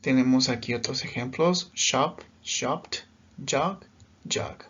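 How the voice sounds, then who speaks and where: A man's voice: medium pitch, takes it slowly, a bit bright, breathy edge, highs cut off. A man teaching English grammar in a recorded lesson, patient and step by step, often checking in as he explains.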